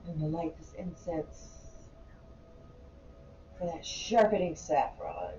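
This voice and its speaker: A woman's voice: low-pitched, very animated, slow, dark tone, roomy sound, dull audio, soft background music. A woman casually commenting on her game play with chatty, wry asides. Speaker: gaming channel host.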